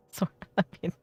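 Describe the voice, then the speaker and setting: A woman chatting casually and reacting as a streamer, with a slangy, mocking, foul-mouthed manner. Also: a little mellow.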